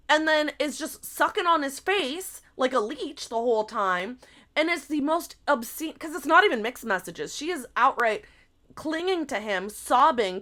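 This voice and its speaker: A woman co-hosting a podcast, caught up in an animated, gossipy retelling that is full of "like" and tossed-off swearing. Her voice sits somewhat high and sounds bright and sharp, in a relaxed, casual chat. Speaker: podcast co-host.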